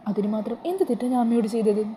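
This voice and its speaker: A woman's voice: a little high, animated, racing, mellow, slight background noise, natural voice. A woman voicing a young woman who pleads with her mother in tears, in a retold TV serial. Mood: tearful pleading. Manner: pleading, distraught.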